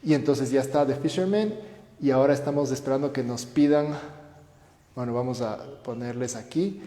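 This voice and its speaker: In an echoey room with long reverb, a man who is a priest interviews a guest conversationally. He asks his questions with friendly enthusiasm in a warm, medium-pitched voice at a normal speed.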